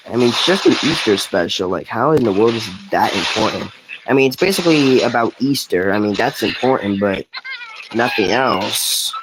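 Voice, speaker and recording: Rambling man over a noisy recording. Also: medium pitch. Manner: rambling, restarts sentences, laughs at own jokes. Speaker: gaming commentator. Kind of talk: casual commentary while playing.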